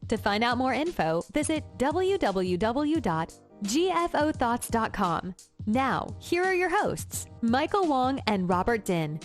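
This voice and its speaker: A woman reading a scripted podcast intro in a bright, lilting manner. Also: on the high side, sing-song, a little slow, faint music behind. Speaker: show intro announcer. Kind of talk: scripted announcement.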